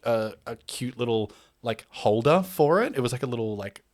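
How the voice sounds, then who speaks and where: A man's voice: mid-range voice, animated, normal speed, a little mellow. A man, co-hosting a gaming podcast in a playful, self-mocking way. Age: 20s. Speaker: podcast co-host. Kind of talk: casual chat.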